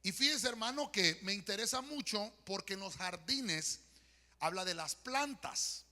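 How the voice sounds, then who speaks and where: High, bright-voiced Honduran pastor preaching. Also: male voice, lively intonation, unhurried. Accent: Honduran Spanish. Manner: addresses congregation as "hermano", frequent "¿verdad?" and "eh" fillers. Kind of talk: sermon with spoken prayer. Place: church sanctuary. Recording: long church hall reverb.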